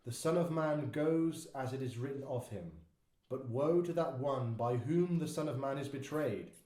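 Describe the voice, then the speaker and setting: Jesus, as a man reads him, grave and mellow. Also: medium pitch, normal speed, close to an everyday voice. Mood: solemn. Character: Jesus, solemn grown male teacher. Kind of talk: dramatised Bible reading. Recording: echoey room.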